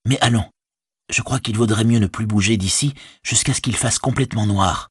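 A man voicing a calm, grave young male hobbit in an audiobook, speaking softly and evenly. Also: lowish voice, slightly rough, no room sound, studio quality, voice pushed up. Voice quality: soft, measured.

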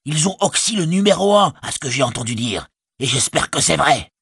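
A man's voice: mid-range voice, animated, moderate pace, creaky, a bit bright, husky, dry recording, clean studio sound, pitched above the performer's own voice, exaggerated voice. A man voicing a whiny, sneering male orc tracker in an audiobook, his voice raised into a snarl. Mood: furious.

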